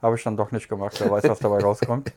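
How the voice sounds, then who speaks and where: A man's voice: lowish voice, quick pace. Chatty man reviewing cigars. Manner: relaxed, chatty, muses with fillers. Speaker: podcast co-host. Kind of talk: casual cigar review chat.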